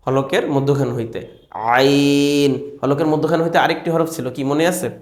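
A man's voice: on the high side, fairly even intonation, moderate pace, roomy sound. A man teaching Quranic letter pronunciation in Bengali, repeating each letter and quizzing his viewers on it. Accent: Bangladeshi Bengali. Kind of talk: Quran recitation lesson.

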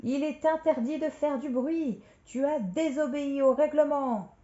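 A woman's voice: lowish voice, normal speed, dark tone, natural voice. A woman puts on a stern, rule-bound male librarian from a children's storybook. He scolds in a strict, fussy manner. The sound is roomy and somewhat lo-fi. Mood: scolding. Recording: roomy, dull lo-fi.

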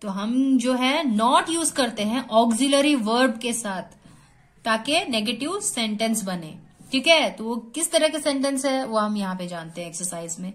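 A woman teacher with an Indian English accent explaining a textbook lesson to children, mixing Hindi with slowly read-out English and repeating each word. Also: a little high, expressive.

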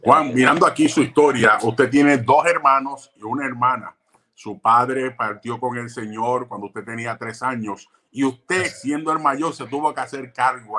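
A man's voice: medium pitch, pushed and bright. A man hosting a casual podcast interview, effusive and admiring toward his guest. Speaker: host.

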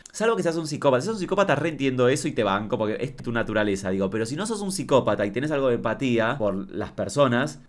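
A man with a Rioplatense Spanish accent, doing a sassy, camp comedic monologue as an advice host reading viewer messages. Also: medium pitch. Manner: sassy, camp, quick-witted.

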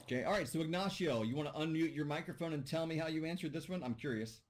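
Teaching online through a video call, a man talks fast in a slightly high voice. He jokes with students and thinks aloud in a casual class discussion picked up by his computer mic.

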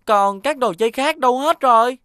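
A woman's voice: fairly high pitch, normal speed, smooth, no room sound, clean studio sound, lightly acted. A woman voicing a playful, careless young boy who chatters eagerly in a dubbed cartoon. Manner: eager, excitable child's chatter. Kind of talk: cartoon dubbing.

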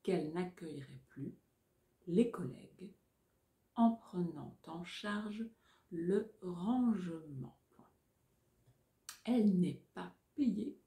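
A woman, around her forties, dictating like a teacher, deliberately and carefully articulated, phrase by phrase. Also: on the low side, animated, warm tone, roomy sound. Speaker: French teacher giving dictation. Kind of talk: dictating, reading phrase by phrase with punctuation spoken aloud. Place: small furnished room indoors.

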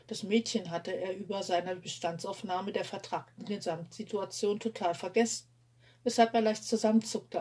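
A woman reading a novel aloud in a lively, expressive way. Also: medium pitch, slightly rough. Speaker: audiobook reader.

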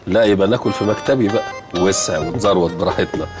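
An actor playing a jovial, middle-aged company owner who speaks Egyptian Arabic in a teasing, good-humored way. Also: male voice, low voice, quick pace, natural voice. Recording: TV soundtrack with music underneath.

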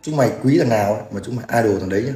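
A man's voice: fairly low pitch, rapid-fire, mellow. Crude mocking man. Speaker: livestreamer. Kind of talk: ranting livestream commentary. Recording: echoey room with faint music.

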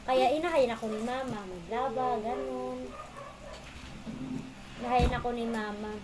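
A woman's voice: a little high, background noise. Woman telling a rambling personal story. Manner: rambling, halting, restarts often.

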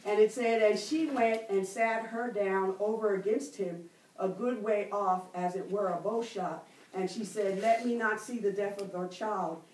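A woman's voice: mid-range voice, darkish tone, distant mic. Middle-aged woman preaching, echoey room. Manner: call-and-response preaching with drawn-out emphasis. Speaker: Bible study teacher. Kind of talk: preaching Bible study. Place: church library room with bookshelves. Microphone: far camera, no mic.

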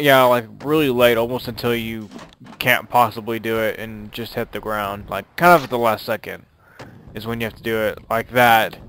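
Guy rambling through a let's play, mid-pitched voice, kinda meandering. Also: fairly bright tone, a little hiss or hum. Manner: rambling, lots of fillers and restarts. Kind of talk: casual gameplay commentary.

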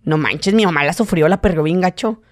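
Animated young Mexican man telling stories. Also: a little fast. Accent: northern Mexican, Tijuana. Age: late 20s. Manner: animated storyteller, mimics others in high voices. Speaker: guest. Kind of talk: casual interview chat.

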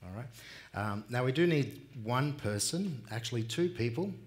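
A middle-aged Australian man speaking at a conference in a large indoor hall, unhurried and plain-spoken with many fillers, on a headset mic. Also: mid-range voice, lively intonation. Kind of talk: relaxed conference talk.

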